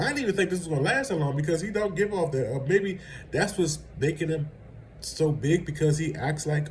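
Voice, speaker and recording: A man's voice: fairly high pitch, a little mellow, slight background noise, poor audio. A man vlogging casual celebrity gossip commentary, rambling and conversational and laughing at his own asides.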